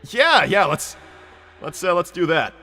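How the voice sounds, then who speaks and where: A brash young cartoon hedgehog hero, performed by a man, with a bright, forceful voice that moves freely up and down. He talks casually and haltingly, easygoing but sure of himself. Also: sits high, very animated, faint music behind, full character voice. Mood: casual, decisive. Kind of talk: improvised character roleplay on a livestream.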